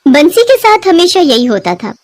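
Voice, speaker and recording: A woman narrating a children's moral story in clear, expressive storytelling. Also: very high voice, normal speed, no echo.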